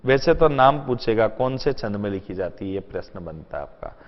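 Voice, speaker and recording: A man's voice: on the low side, sing-song, normal speed. A man teaching an exam-prep lesson, asking rhetorical questions and answering them himself, mixing in English terms. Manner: mixes in English terms and sentences. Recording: dull lo-fi sound in a long-reverb room.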